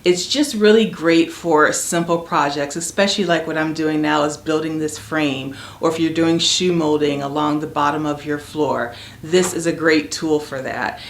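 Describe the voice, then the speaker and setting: A woman's voice: deep voice, steady tone, moderate pace, few pauses, reverberant, a little hiss or hum. A woman hosting a home DIY vlog, talking casually and chattily straight to her viewers as she explains things. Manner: chatty, addresses viewers directly. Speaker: DIY home makeover channel host.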